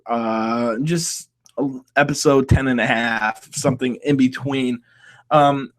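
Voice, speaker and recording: A man talks on his own podcast in an easy, casual way. He rambles and hesitates, trailing off and restarting his sentences often. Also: medium pitch. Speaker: podcast host. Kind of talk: casual solo podcast chat.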